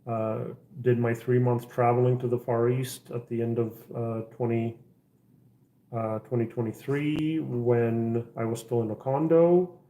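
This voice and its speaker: A middle-aged man from the Czech Republic talks casually to his livestream viewers from his house. His voice is mellow and dark, and he rambles through plenty of ums and false starts. The room around him is echoey. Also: mid-range voice, steady tone, a little slow. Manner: rambling, many fillers and restarts. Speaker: livestream host. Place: house interior.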